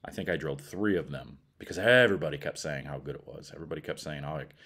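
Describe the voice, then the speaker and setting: A middle-aged American man reviews bowling balls in a blunt, colloquial, casual way. His bass voice is a bit bright, and he talks fast.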